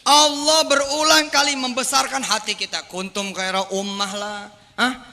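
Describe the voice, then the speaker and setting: Man, preacher, high voice, sermon, acts out dialogues, reverberant hall. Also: level tone, normal speed, vocal fry, bright, forceful tone. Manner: acts out both sides of remembered dialogues, asks the audience questions. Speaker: Islamic preacher. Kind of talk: sermon with storytelling.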